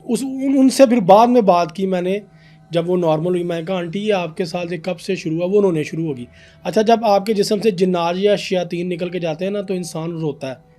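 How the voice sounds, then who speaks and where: A young man, a podcast guest telling an animated story about a paranormal case. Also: sits high, normal speed, faint music behind. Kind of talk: casual storytelling in a podcast interview.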